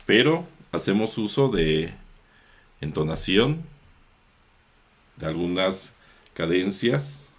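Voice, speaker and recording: Male priest-teacher, low-pitched, measured, unhurried, pausing to correct himself. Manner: slow, measured, with small self-corrections. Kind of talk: explanatory chant lesson.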